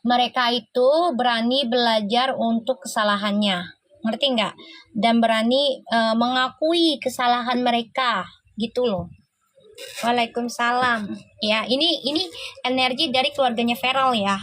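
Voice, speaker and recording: A woman's voice: on the high side, moderate pace, fairly bright tone, no echo. A woman doing a casual live tarot reading, exclaiming and laughing often as she talks. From Indonesia. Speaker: tarot reader.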